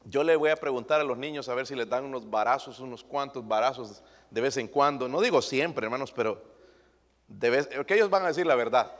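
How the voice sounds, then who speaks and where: A man's voice: medium pitch, brisk, big-room sound. A male pastor preaching a sermon emphatically, throwing rhetorical questions at his congregation.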